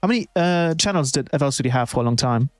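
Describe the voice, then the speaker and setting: A man's voice: mid-range voice, expressive, quick pace, no echo. A man who produces music, chatting casually on a live stream and thinking aloud with many restarts.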